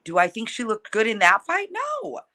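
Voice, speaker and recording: Feisty, forceful woman fighter with a bright voice. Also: medium pitch, very animated, fairly quick. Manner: feisty, combative and blunt, swearing freely. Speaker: professional fighter interviewed. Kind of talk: casual, heated trash talk in an interview.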